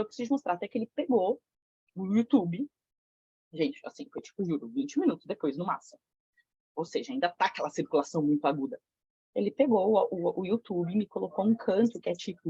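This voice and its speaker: Husky Brazilian woman, frank and slangy. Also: mid-range voice, mellow, no echo. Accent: Brazilian Portuguese. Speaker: women's tantra circle facilitator. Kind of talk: candid storytelling to a group. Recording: dull lo-fi sound.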